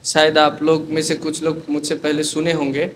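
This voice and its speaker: High-voiced animated male preacher. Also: normal speed, a little hiss or hum. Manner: animated storyteller, mixing in English phrases. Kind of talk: storytelling sermon.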